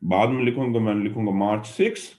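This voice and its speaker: A man's voice: fairly low pitch, fairly quick, a little mellow. A man teaching English grammar in a classroom lecture, explaining patiently and repeating his points as he addresses his students. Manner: mixes Hindi and English mid-sentence.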